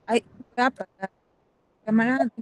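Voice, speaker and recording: A woman speaks over a video call whose audio keeps breaking up and cutting out. The sound is dry, with no room around it. She starts slowly and haltingly, with fillers between words, as a reviewer at an online academic session. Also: on the high side, no room sound, poor audio. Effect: choppy, breaking-up video-call audio. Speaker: faculty reviewer at a doctoral colloquium. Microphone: computer mic on a video call.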